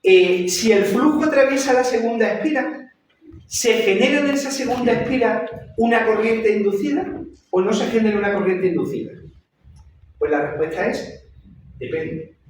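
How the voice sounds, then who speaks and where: Man, lecturer, repeats and checks in, high-ish voice, distant mic. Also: expressive, moderate pace, a little hiss or hum. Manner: repeats and checks understanding with "¿vale?". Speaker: university lecturer. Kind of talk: classroom lecture. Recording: echoey room, voice far from the mic.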